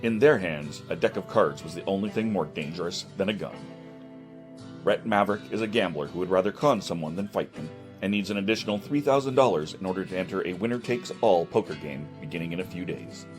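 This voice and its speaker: A man's voice: low-pitched, expressive, fast, music in the background. A man co-hosting a film podcast, reading a plot synopsis aloud in a dry, joking way. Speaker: podcast co-host.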